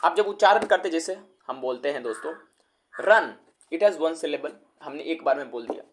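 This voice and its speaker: Man teaching syllable lessons, slow repetition. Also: fairly high pitch, expressive, a little hiss or hum. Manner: addresses viewers as friends, repeats words slowly and syllable by syllable. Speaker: grammar teacher. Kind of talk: explanatory lecture.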